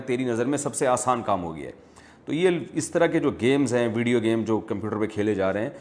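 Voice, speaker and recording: A man speaking as an Islamic scholar, answering viewer questions in a measured, explanatory, teacherly way. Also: mid-range voice. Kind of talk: religious Q&A lecture.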